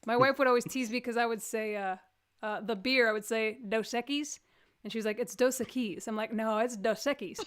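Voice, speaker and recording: On her live stream, a woman with a Texan accent keeps up a casual comedic chat, joking around in rambling tangents. Her fairly high voice is somewhat bright, clear and resonant, and she speaks fairly quickly.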